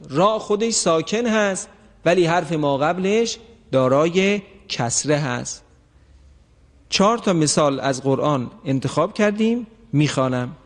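A man teaching the rules of Quran recitation, stretching out example words slowly and putting questions to the class that he answers himself. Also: fairly high pitch, long reverb tail. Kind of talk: tajweed lesson.

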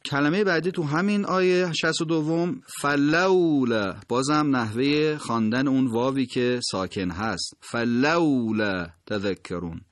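A man with a fairly high voice teaches recitation, explaining pronunciation rules before slowly and carefully sounding out each word as an example. There's no echo.

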